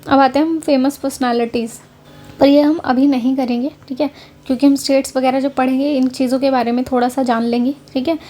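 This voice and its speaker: High, mellow-voiced woman teaching exam prep. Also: fairly even intonation, fairly quick. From Haryana, India. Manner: conversational, checks in often with filler words. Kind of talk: casual lecture over slides.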